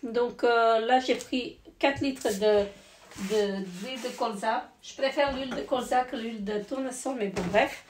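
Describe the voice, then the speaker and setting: A hoarse woman in her forties casually showing her grocery haul, rambling with lots of fillers and self-corrections. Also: fairly high pitch, measured pace, echoey room, slight background noise.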